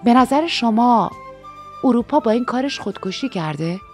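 A woman voicing a soft, probing young woman. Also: fairly high pitch, lively intonation, faint music behind, pitched above the performer's own voice, close to an everyday voice. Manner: soft, questioning.

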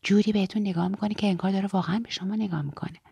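An earnest, eager teenage girl, voiced by a woman reading a storybook aloud, confiding in a friend. The voice carries a gravelly, husky edge, and the sound is dry and close. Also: mid-range voice, dark tone, dry recording. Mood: whispering. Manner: eager, confiding, drops to a whisper when fearful.

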